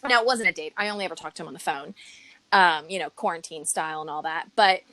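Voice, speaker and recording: In a casual chat, a woman guest in her forties tells dating stories as a chatty storyteller, packed with filler likes and ums. Her low-leaning voice is fast, pushed and bright, recorded with no echo but in low quality.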